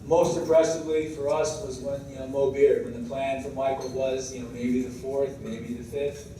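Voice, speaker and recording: An American man, a head coach giving a semi-scripted tribute speech in a halting way, moving between read-out praise and informal asides. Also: mid-range voice, fairly even intonation, mellow. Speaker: high school baseball head coach. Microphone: distant microphone. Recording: very echoey room, distant mic, clear background noise.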